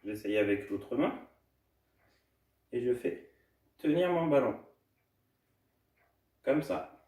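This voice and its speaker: A man's voice: mid-range voice, expressive, slow pace, dark tone. A man coaching a baby gym session for small children at home, talking in a cheerful, sing-song way while he demonstrates the moves. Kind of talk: instructional talk to small children. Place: indoor room at home. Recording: echoey room, distant from mic.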